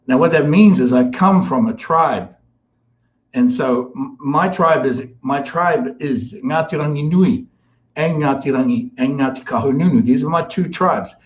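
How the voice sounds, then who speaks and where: A man's voice: a little high, unhurried, dull audio. Man from New giving a rambling spiritual talk. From New Zealand. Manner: meandering, repetitive, with many restarts and fillers. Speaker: spiritual guest speaker.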